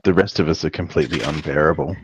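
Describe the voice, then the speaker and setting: A man's voice: very deep voice, fast talker, lo-fi sound, noisy background. A young man playing a tabletop game, goofily describing his character's actions and making puns. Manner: goofy, punning. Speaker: player.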